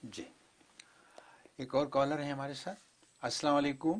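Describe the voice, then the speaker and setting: A man's voice: mid-range voice, steady tone, very noisy. A man hosting a call-in show, bringing in each caller with short, businesslike lines. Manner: brief, businesslike. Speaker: show host taking callers.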